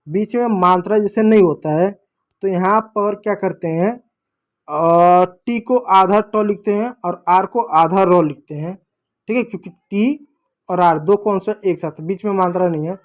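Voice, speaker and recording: A man's voice: high voice, measured pace. Guy teaching kids phonics, repeats the sounds a bunch, asks the class stuff then answers it himself. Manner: patient, drills sounds by repeating them. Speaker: English teacher for children.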